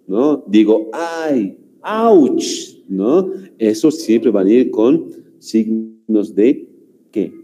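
A man's voice: fairly low pitch, warm tone, poor audio. A man with a Bolivian Spanish accent teaching a grammar class, who keeps repeating "muy bien" and "señores" and asks the class rhetorical questions.

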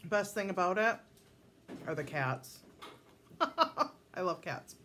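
A middle-aged woman from Wisconsin speaks with a low, sing-song, sharp-toned voice at a slow pace as she cooks at home for her vlog. She rambles casually with plenty of fillers in her Wisconsin accent, kitchen to dining table, over a little hiss or hum.

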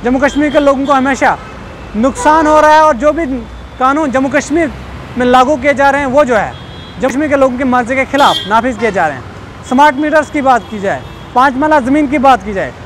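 High-voiced young male field reporter. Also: a little fast, low-quality recording. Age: young adult. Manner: steady formal reporting with Urdu-heavy wording. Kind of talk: news report to camera. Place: roadside outdoors by traffic. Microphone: handheld mic. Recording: faint traffic noise outdoors. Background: faint street traffic.

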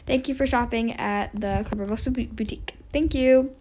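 A woman voicing a friendly, cheerful store cashier who talks in quick, upbeat customer-service patter. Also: on the high side, fairly even intonation, a little mellow, slight background noise, lightly acted. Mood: perky.

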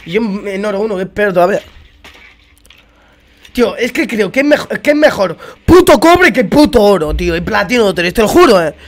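A man's voice: sits high, big pitch swings, fairly quick. Exasperated Spanish gamer man ranting. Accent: Spain. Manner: exasperated ranting with frequent swearing. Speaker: gaming streamer. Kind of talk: live gameplay commentary.

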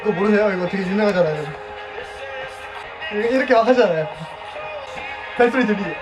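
A man's voice: high voice, expressive, fairly quick. A young man in his twenties hosting a casual live stream, reading viewer comments aloud in a playful way and laughing often. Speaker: idol band member hosting a solo live stream. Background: music playing.

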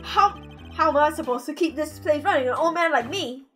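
A woman voicing a fussy, fond old male shopkeeper uncle in a game play-through, lowering her voice a little. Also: a little fast, fairly bright tone, faint music behind. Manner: gruff-tried, slightly lowered delivery. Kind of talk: let's play voice reading.

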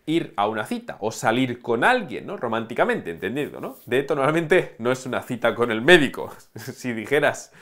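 A man teaching a language lesson, his pitch rising and falling a lot as he talks. He keeps checking in with the listener and chuckles often. His voice sits at a middle pitch. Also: very animated, normal speed, fairly bright tone. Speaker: Japanese teacher. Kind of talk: lively classroom explanation.

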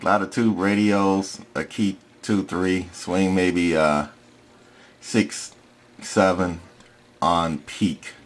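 This low-pitched man speaks slowly with fairly even intonation. He's a radio collector giving a relaxed demonstration of an old radio at his workbench, plainly saying test words into the microphone again and again.

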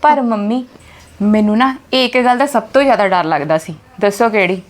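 A woman's voice: medium pitch, normal speed. Chatty young woman in family skit. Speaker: daughter-in-law in a skit.

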